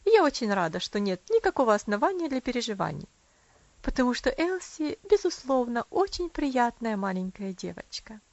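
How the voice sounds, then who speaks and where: A woman's voice: fairly high pitch, big pitch swings, normal speed, a little mellow, no room sound. A cool society lady visitor talks in an offhand, slightly raised voice, as a woman reader voices her. The track is dry and a touch dull.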